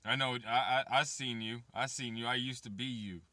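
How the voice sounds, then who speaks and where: A man's voice: mid-range voice, fairly even intonation, moderate pace, pushed and bright, dry recording. A man of thirty chatting casually and profanely to his viewers, rambling about waiting and raising kids. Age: 30s. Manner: rambling and profane, talks straight to chat. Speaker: vlogger.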